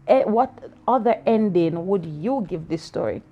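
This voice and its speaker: A woman with a mid-range, expressive voice speaks unhurriedly in lo-fi sound carrying a little hiss or hum. As an aunt going over a story with a child after reading it, she poses questions, laughs often, and teasingly challenges the child's responses.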